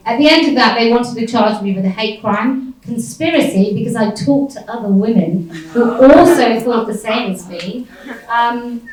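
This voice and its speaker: A woman speaking on a panel, telling a story in a wry, defiant way and laughing often. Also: on the high side. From United Kingdom. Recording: echoey hall from far off.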